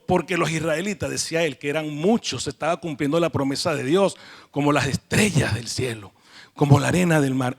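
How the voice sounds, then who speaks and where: A man preaching a sermon in a church, animated and playful, acting out sayings as he teaches. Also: on the high side.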